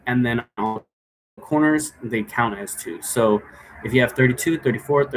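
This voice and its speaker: In a rough recording, a man with a mid-range voice and moderate pace hosts an occult divination tutorial. He explains things informally and repetitively, rambling a bit and checking in with viewers along the way.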